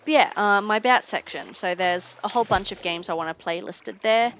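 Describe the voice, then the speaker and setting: A young woman game streamer chatting casually while she plays, tired and low on energy, rambling with frequent ums. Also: fairly quick, a bit bright, faint music behind. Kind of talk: casual chat while gaming. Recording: noisy game audio behind.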